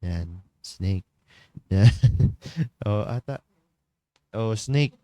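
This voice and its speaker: A man hosting a morning church devotion livestream in a studio, chatty, laughing often and filling pauses. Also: on the low side, animated, warm tone, dry recording. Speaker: devotion leader and livestream host. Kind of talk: casual livestream greetings and devotional talk.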